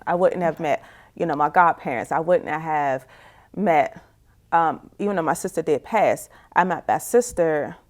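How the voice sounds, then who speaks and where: A woman in her forties, appearing as an interview guest, offers a reflective and candid personal testimony. She talks conversationally in a fairly low pitch and often says "you know."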